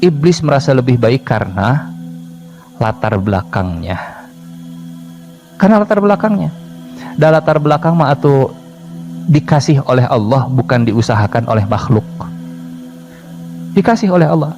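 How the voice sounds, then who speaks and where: Joking Sundanese preacher over music. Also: male voice, mid-range voice, normal speed, long pauses, dull audio. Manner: lively, joking, addresses the audience directly. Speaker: Islamic preacher. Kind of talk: humorous sermon to a congregation. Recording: music playing underneath.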